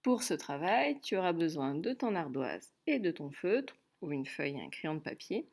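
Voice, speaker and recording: A woman's voice: low-pitched, very animated, moderate pace, a little mellow. A woman teaching a dictation lesson to young pupils, patiently repeating each word and spelling out its sounds. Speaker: primary school teacher.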